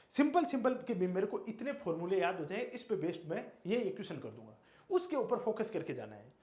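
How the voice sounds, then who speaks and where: Emphatic high-voiced teacher. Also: male voice, roomy sound. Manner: emphatic, repeats key words, asks and answers own questions. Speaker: exam coaching teacher. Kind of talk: motivational exam lecture.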